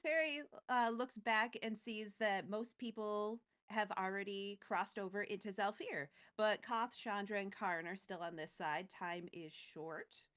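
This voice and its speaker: Recapping a fantasy card game story as a co-host, this woman keeps things playful, performing quotes and sound effects along the way. She speaks a little slowly in a medium, slightly bright voice with fairly even intonation and hardly any pauses.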